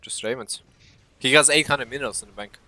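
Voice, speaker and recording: Man analysing a match with a bright tone. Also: mid-range voice, fairly quick, no echo. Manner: analytical, thinks aloud with many uhs. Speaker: esports caster. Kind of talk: live game commentary.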